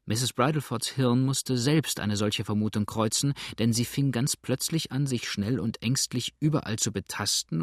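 A man's voice: mid-range voice, dry recording. Man reading a story, dry sound. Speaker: audiobook narrator. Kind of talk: scripted narration.

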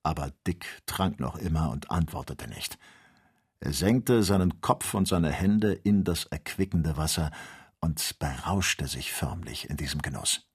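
A man reading an adventure novel aloud as audiobook narrator, in measured storytelling. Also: extremely low pitch, animated, slightly rough. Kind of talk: scripted narration.

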